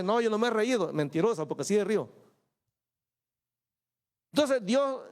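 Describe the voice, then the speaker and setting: High-voiced male pastor preaching a sermon. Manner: addresses listeners as "hermano", acts out quoted voices. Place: church in Montreal.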